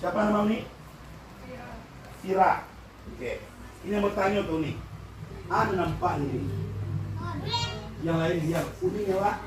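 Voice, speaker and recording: A man with a Minangkabau accent giving a lively religious talk at a school event, quizzing the audience and often shouting and laughing. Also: high-pitched, measured pace, long pauses. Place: large indoor hall with an audience. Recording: echoey hall, far from the mic, with a crowd and noise.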